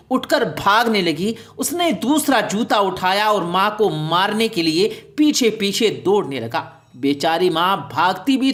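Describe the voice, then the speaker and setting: Brief: woman narrator, scripted moral storytelling, dramatic and preachy, mid pitch.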